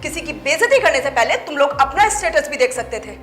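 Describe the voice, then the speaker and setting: A woman's voice: high-pitched, big pitch swings, fast talker, fairly bright tone. An actress playing a principled woman boss who firmly scolds her staff in defense of her husband. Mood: indignant. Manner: firm, scolding, reproachful. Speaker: office boss and wife. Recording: echoey room with faint music.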